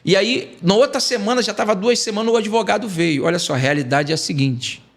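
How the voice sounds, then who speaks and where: Animated Brazilian man telling his testimony. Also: high-pitched, brisk, creaky. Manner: animated storytelling, acting out quoted dialogue. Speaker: evangelist guest. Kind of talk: emotional testimony in a podcast interview.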